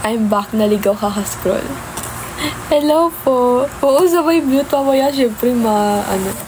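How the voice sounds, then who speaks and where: Slow, high-voiced young woman livestreaming. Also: noisy background. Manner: chatty, greets viewers by name, mixes in English. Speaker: idol livestreamer. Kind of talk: casual livestream chat. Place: home, early morning.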